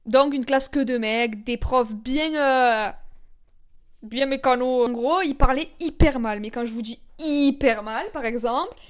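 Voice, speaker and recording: A young woman tells her storytime anecdotes in a casual, slangy, dramatic way. Her voice sits high, and the recording sounds a little dull and lo-fi. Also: measured pace. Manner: chatty, slangy, dramatic retelling. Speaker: vlogger.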